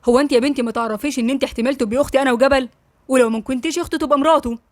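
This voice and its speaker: A woman's voice: on the high side, racing, darkish tone, dry recording, close to an everyday voice. A woman with an Egyptian accent voicing an offhand young man, the younger brother. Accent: Egyptian Arabic. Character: careless, candid younger brother.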